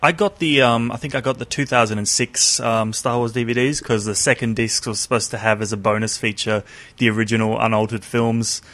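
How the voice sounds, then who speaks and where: A man's voice: medium pitch, steady tone, brisk, a bit bright. A man chatting casually as a podcast co-host, rambling through asides and self-corrections. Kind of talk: casual chat about films.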